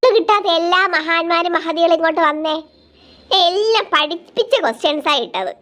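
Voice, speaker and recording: A woman's voice: extremely high pitch, expressive, normal speed, a bit bright. A woman voicing a strict, scolding female schoolteacher in a homemade doll play. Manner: stern, scolding, threatens to cane.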